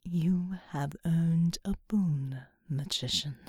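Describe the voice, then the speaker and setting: A woman's voice: mellow, breathy edge, no echo, studio quality, exaggerated voice. A woman whispering as an ancient fiery angel, in whispered role-play. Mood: solemn. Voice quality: low unvoiced whisper. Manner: slow, solemn and measured. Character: ancient fiery female angel, calm and compassionate.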